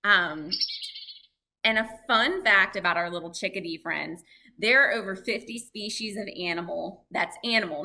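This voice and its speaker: A woman presenting a live, lively lesson for families, chatting and asking her audience questions. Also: medium pitch. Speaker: library program presenter on birds.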